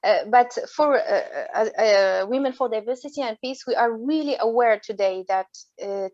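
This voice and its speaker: A woman's voice: a little high, darkish tone, no room sound, muffled recording. A woman from Morocco with a French accent, speaking as a guest on a webinar in a passionate, earnest way and often restarting her words. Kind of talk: earnest panel talk.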